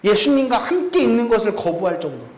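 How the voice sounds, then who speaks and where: A man's voice: high-pitched, big pitch swings, fast, darkish tone. A man preaching a sermon in a church, often putting rhetorical questions to the congregation. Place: church sanctuary. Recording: echoey church room.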